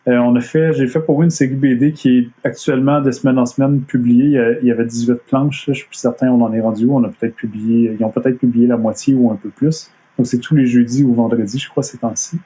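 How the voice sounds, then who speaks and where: A man's voice: medium pitch, fairly even intonation, quick pace, few pauses, mellow. A man with a Montreal French accent giving a casual talk from home over a live stream, hesitant with many fillers and restarts. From Quebec. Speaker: comic artist giving a talk. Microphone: computer mic on a video stream.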